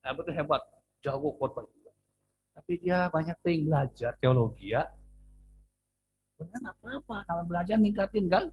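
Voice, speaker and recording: High-voiced pastor swinging loud to soft. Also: male voice, expressive, moderate pace, pauses often, slightly rough, dull audio. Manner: swings between loud exhortation and quiet asides. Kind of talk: sermon. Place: church service.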